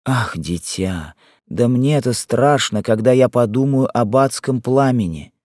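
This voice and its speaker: Brief: male narrator voicing a sorrowful husband, low and slow, mid pitch, dry. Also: darkish tone, no echo, lightly acted. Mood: tender. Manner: low, slow, tender delivery. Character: troubled young husband, tender and despairing. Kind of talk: audiobook character reading.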